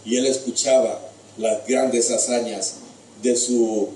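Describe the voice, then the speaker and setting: A man's voice: mid-range voice, fairly even intonation, slow, warm tone, a little hiss or hum. A man preaching a sermon as a storyteller, addressing his listeners as brothers. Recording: echoey room from far off.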